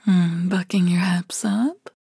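A woman in an intimate ASMR roleplay, speaking in a soft murmuring whisper with hums and sighs. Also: on the low side, steady tone, slow, creaky, slightly rough, no echo, clean studio sound. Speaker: roleplay narrator.

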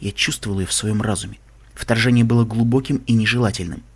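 Male audiobook reader, husky, measured first-person storytelling. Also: fairly low pitch, steady tone. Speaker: audiobook narrator. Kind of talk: first-person fiction reading.

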